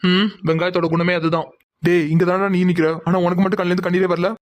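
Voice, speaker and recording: A man's voice: sits high, level tone, fast, natural voice. A man voicing a group of young men who banter and complain while cooking in a cartoon. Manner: joking, whiny complaints.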